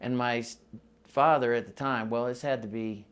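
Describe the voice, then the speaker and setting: A man in his sixties spins loose, rambling stories in a casual interview, with a voice of ordinary pitch. He grew up between the US and Mexico, laughs easily and often circles back to restart his sentences. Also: steady tone, normal speed, clear, resonant tone. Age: 60s. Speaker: musician interviewee. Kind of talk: casual oral-history storytelling.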